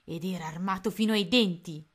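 A woman voicing rough male rat pirates in a read-aloud storybook, sneering and menacing. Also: mid-range voice, slow, sharp tone.

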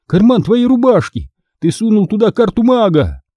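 A man's voice: high voice, sing-song, normal speed, no echo, dull audio, voice pushed up. A man voicing a frantic young boy. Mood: urgent. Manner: shouting, urgent pleas. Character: frightened boy hero, desperate and urgent.

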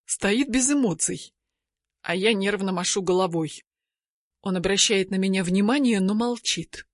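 A woman reading a first-person novel aloud, lively and acting out the dialogue. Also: mid-range voice, unhurried, no echo, clean studio sound. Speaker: audiobook narrator. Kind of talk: first-person audiobook narration.

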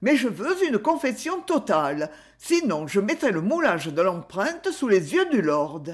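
Stern policewoman, firm interrogating tone, lively pitch; woman reader voices her. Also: unhurried. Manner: firm and demanding.

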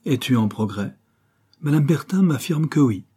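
A man reading aloud who voices an affectionate young girl, gentle and pleading in a storybook. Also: mid-range voice, expressive, normal speed, husky, pitched above the performer's own voice. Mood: earnest.

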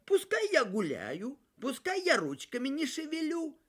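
A man voices a stubborn, lazy peasant boy from a folk tale, sounding whiny and sulky. He pitches his voice very high, well above his own, with wildly swooping, exaggerated intonation, a measured pace, and a fairly bright tone.

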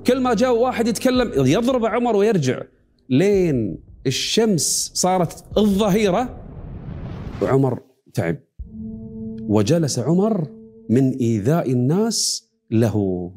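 A middle-aged man with a Gulf Arabic accent telling a story as a preacher, animated and switching between dialect and classical quotes. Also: sits high, unhurried, long pauses, faint music behind. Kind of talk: dramatic storytelling sermon.

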